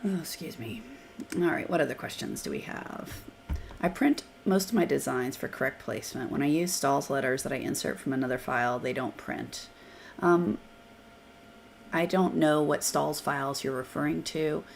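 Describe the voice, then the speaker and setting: A woman with a hoarse voice from being sick hosts a live software demo and answers questions, talking casually as she clicks through screens. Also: deep voice, normal speed, slight background noise. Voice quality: gravelly, hoarse. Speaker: software trainer hosting a live Q&A.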